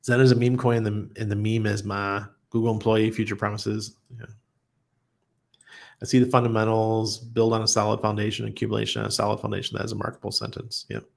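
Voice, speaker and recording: A man hosts a casual livestream, reading viewer comments aloud and answering bluntly and chattily with frequent laughter. His lowish, gravelly voice is flat in delivery and fast.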